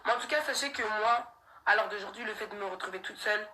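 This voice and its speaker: A woman's voice: mid-range voice, fast, pushed and bright, slight background noise, poor audio. A young woman, speaking on a live stream in a defiant, slangy rant that keeps circling back on itself, laughs breaking in. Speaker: livestreamer addressing her followers.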